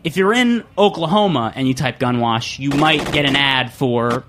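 A man hosting a live radio show from a studio, chatting casually and rambling with an excitable manner, often restarting his sentences. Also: mid-range voice, normal speed. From not from New York.

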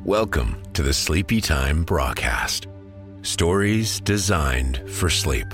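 A man narrating sleep stories in a slow, soothing, hushed way, with a husky low voice. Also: music in the background. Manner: slow, calming, hushed delivery. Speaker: podcast host and sleep story narrator.

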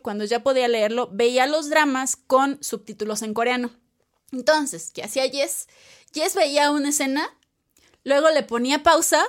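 High-voiced, chatty Mexican woman. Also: a bit bright. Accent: Mexican Spanish. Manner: chatty, lots of fillers and playful asides. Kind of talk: casual chat.

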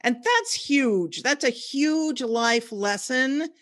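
Female podcast host from the US, high-ish voice, relaxed anecdotal chat peppered with laughs. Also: slow. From United States (Washington state). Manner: chatty storyteller, laughs often. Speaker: podcast host and tour leader. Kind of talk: casual conversational interview.

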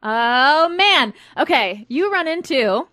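A woman narrating as game master of a tabletop role-playing game, lively and often laughing. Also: sits high, slow pace, dry recording, clean studio sound.

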